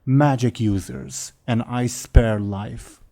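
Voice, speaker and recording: Guy doing a menacing dragon voice for a tabletop game, slow and halting, broken speech, demanding. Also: mid-range voice, steady tone, gravelly, a crowd in the background. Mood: stern, demanding.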